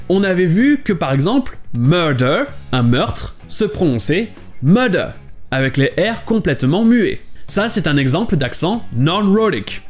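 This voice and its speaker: A man hosts an English pronunciation lesson. His voice is high and very animated, and he explains eagerly. Faint music plays underneath. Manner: lively, explanatory. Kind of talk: video lesson.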